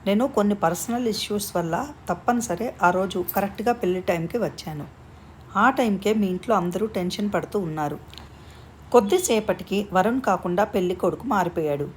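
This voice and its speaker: A woman reading the lines of a loud, blunt young woman friend in a storybook tale. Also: mid-range voice, fairly quick, a little hiss or hum, natural voice. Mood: annoyed.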